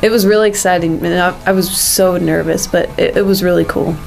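A young woman answering interview questions excitably in a studio, with many "like"s. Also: lowish voice, gravelly, soft background music. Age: young adult. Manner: excitable, quick bursts, many "like"s. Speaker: music school student. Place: indoor studio in front of a backdrop.

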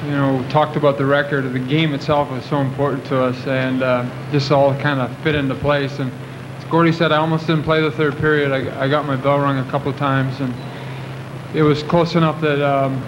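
Young man rambling at a post-game press table. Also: medium pitch. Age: 20s. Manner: rambling, with many fillers and restarts. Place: press conference room. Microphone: table microphones at the podium. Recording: noisy old video recording.

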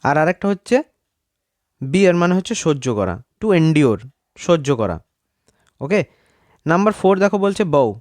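A man's voice: on the high side, sing-song, unhurried, pauses often, a little mellow, dry recording. Man teaching in a dry, close tone. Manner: addresses viewers as friends, repeats "okay" between points. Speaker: English teacher. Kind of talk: casual explanatory lesson.

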